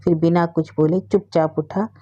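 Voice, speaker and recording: A woman narrating a story aloud in a steady, expressive storytelling manner. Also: fairly low pitch, moderate pace, highs cut off.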